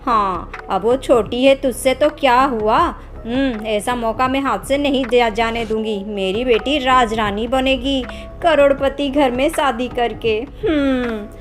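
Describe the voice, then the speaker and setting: A woman's voice: fairly high pitch, unhurried, few pauses, faint music behind, lightly acted. A woman voicing a scolding, scheming village stepmother. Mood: taunting. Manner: scolding, sharp-tongued. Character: scheming boastful middle-aged village stepmother. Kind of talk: Hindi cartoon story voice acting.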